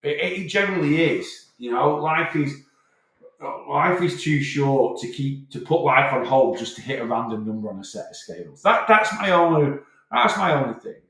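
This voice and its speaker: A man's voice: a little high, animated, normal speed, fairly bright tone. A man coaching on weight loss during a live question-and-answer stream, talking casually with frequent restarts and repeated phrases. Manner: chatty, repeats himself, stops and starts, direct and reassuring. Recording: very echoey room.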